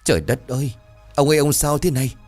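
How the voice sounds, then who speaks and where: A man voicing a panicked village wife who wails loudly for help. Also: mid-range voice, expressive, fast, faint music behind, voice pushed up. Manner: wailing.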